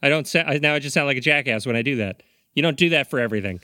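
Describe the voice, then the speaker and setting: A man's voice: medium pitch, lively intonation, rapid-fire, bright, forceful tone, no room sound, studio quality. A man co-hosting a podcast in casual chat, blunt and mocking. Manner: blunt, mocking, puts on silly voices. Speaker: podcast co-host.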